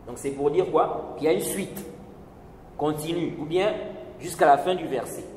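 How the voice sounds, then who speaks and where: A man giving a religious lesson, explaining slowly, repeating points and checking with his listeners. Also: fairly high pitch, darkish tone. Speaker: religious teacher. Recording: echoey hall with faint noise.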